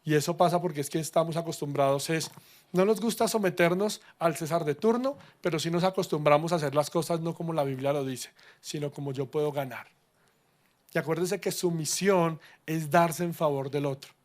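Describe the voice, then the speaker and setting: Middle-aged pastor, high pitched, preaching with jokes. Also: male voice, fairly quick. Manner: lively, questioning the congregation, humorous. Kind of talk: sermon.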